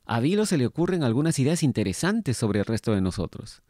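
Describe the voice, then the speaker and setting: A man reads aloud book dialogue as a vain, jovial painter spirit, answering in a teasing, breezy way with a playful lift. His ordinarily middle-pitched, mellow voice rides a bit higher here, with big pitch swings and a fairly quick pace. The recording is close and dry, with no room sound.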